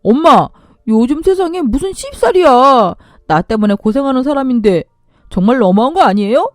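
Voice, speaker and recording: A man's voice: extremely high pitch, animated, quick pace, darkish tone, no room sound, studio quality. Woman doing an angry grown son, accusing. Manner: raised, accusing voice.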